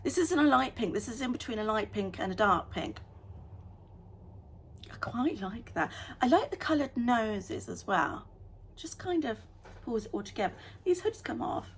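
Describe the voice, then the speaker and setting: A chatty woman vlogger with a slightly high voice, talking quickly and getting excited over small things. Her speech runs on in an easy, casual way. There is a faint hiss of noise behind her. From United Kingdom. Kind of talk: casual vlog chat.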